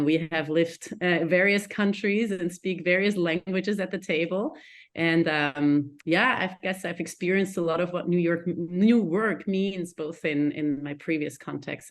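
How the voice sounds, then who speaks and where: A woman's voice: deep voice, steady tone, moderate pace. A woman who grew up in Switzerland, a CEO, introducing herself on a video call panel in a personal way, now and then correcting herself. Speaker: CEO of an innovation hub.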